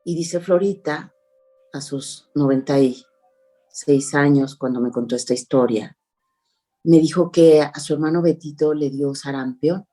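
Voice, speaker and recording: A woman, a guest on an interview show, telling a family story in an expressive, measured way. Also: low voice. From Mexico. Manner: expressive, measured, acts out the dialogue. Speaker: actress and oral storyteller, guest.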